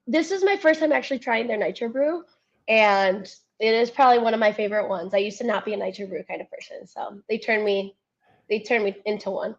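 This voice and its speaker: A US woman in her twenties, a native Spanish speaker, chats casually and bubbly as a podcast guest, laughing and hunting for words. Her voice is medium-pitched and fairly quick. The highs in the audio are cut off.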